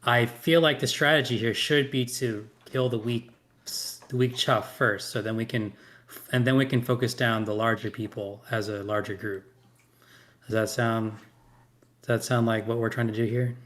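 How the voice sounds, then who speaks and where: A man's voice: medium pitch, steady tone, moderate pace, fairly bright tone. A man playing a tabletop role-playing game, thinking aloud about strategy in casual talk. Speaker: player.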